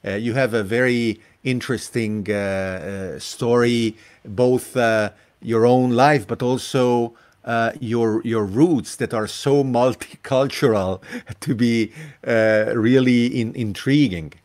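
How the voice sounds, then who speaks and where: A man hosting a live online talk show. He speaks slowly and haltingly, pausing often on filler sounds as he introduces his guest and asks questions. His voice sits at a middle pitch. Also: fairly even intonation, a little mellow. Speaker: host.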